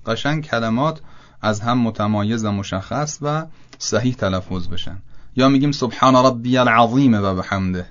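A man from Iran giving a lesson on correct prayer recitation, reciting Arabic phrases slowly and carefully as examples. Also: mid-range voice, lo-fi sound. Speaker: religious teacher. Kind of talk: instructional talk on prayer recitation.

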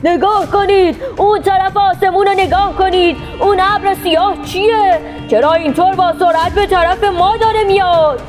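Brief: woman doing an alarmed storybook soldier shouting, faint music behind. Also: extremely high pitch, hardly any pauses, voice pushed up. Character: panicked male foot soldier.

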